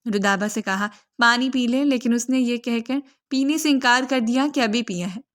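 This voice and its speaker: Woman narrating a romance story. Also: on the high side. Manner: steady storytelling. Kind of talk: scripted narration.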